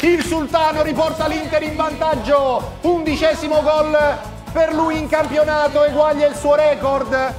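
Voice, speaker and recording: High-pitched man in breathless Italian goal commentary. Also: level tone, a little slow, over music. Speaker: football commentator. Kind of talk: live football commentary. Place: TV studio.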